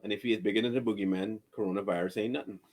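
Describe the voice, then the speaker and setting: A man hosting a casual chat, telling lively stories and laughing often. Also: on the low side, rapid-fire. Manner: animated storyteller, laughs often. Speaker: podcast host.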